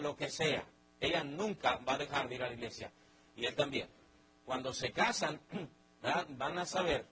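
A middle-aged man with a Mexican accent teaching a Bible study in a lively sermon style, acting out everyday family scenes with many restarts. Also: medium pitch, slight background noise, rough recording.

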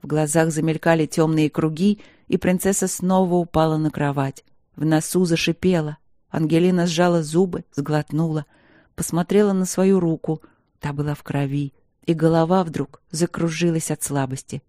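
A woman narrating an audiobook in measured, even storytelling. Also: deep voice, dry recording, studio quality. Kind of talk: scripted narration.

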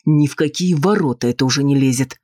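A man voicing a cool, patronizing husband, husky in tone and dismissive in manner. He stays in his own register, recorded close and dry, like an audiobook reading. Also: medium pitch, quick pace, dark tone, no echo, natural voice. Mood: condescending. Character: cold, condescending husband, adult man.

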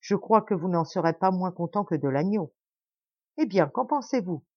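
A woman's voice: fairly low pitch, lively intonation, normal speed, darkish tone, no room sound, lo-fi sound. A woman voicing a pompous, lavish male lord who grandly and insistently presses food on his guest, in an audiobook tale. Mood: grand, coaxing.

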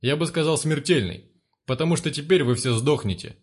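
A man reading aloud, voicing a big, brutal one-eyed male gang leader who swears coarsely and shouts his threats. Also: fairly high pitch, brisk, breathy edge. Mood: mocking menace.

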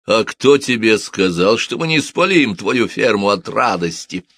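A man's voice: fairly low pitch, lively intonation, measured pace, a bit bright, no room sound, exaggerated voice. A man voicing a brutal, menacing bandit leader posing as a gendarme in a storybook reading. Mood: mocking. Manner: bellowing, menacing.

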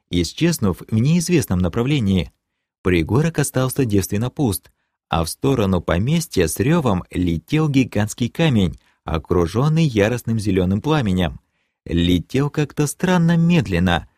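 A man narrating a fantasy audiobook in first person, dramatic and lively, breaking into shouted lines. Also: lowish voice, no echo, clean studio sound. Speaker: audiobook reader.

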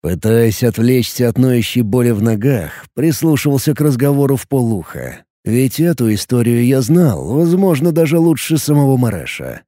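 A man narrating a fantasy audiobook with an expressive storytelling delivery. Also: medium pitch, normal speed, few pauses, no room sound, clean studio sound.

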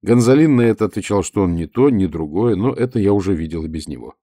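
A man reading a first-person adventure audiobook in a lively storytelling manner. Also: deep voice, fast talker, no echo, clean studio sound. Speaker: audiobook narrator.

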